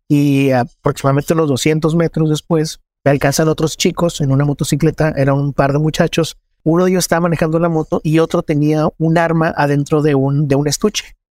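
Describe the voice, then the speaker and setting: A man with a Mexican accent, a journalist giving an earnest, measured personal testimony in an interview. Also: a little high, darkish tone, no room sound, clean studio sound. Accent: Mexican Spanish.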